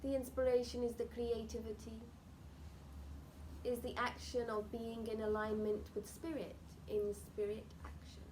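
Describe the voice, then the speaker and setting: A woman's voice: fairly high pitch, little pitch movement, a little slow, darkish tone. A woman speaking as a seance medium in trance, delivering solemn, oracular channelled messages to a group in formal phrasing. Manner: seance medium speaking as a channelled spirit, addressing sitters as "dear one" and "we". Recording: noisy live group recording.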